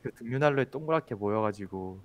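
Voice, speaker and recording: Man telling a relaxed story. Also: fairly low pitch, quick pace. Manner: relaxed storytelling, many fillers. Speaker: teacher. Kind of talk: casual chat.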